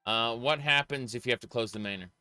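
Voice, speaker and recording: A man's voice: medium pitch, fast, pushed and bright, clear, resonant tone, no echo. A man giving casual live gameplay commentary as a streamer, rambling and opinionated, repeating phrases for emphasis. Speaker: game streamer. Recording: dry close voice over faint music. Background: faint game music.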